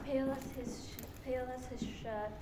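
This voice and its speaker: A woman who is an acting student, haltingly reciting classical monologue lines in rehearsal. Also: sits high, steady tone. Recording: echoey room, distant mic, faint noise.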